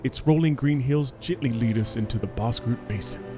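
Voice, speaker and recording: A man performing as a formal, measured nature documentary narrator. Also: mid-range voice, natural voice. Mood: stately, serene. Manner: measured, formal, descriptive delivery. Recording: loud music bed under voice. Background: music.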